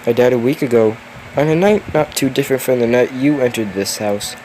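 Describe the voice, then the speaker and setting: A man reading the lines of a grieving teenage girl ghost in a soft, slow, drawn-out way. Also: mid-range voice, a little hiss or hum, natural voice, low-quality recording. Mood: mournful.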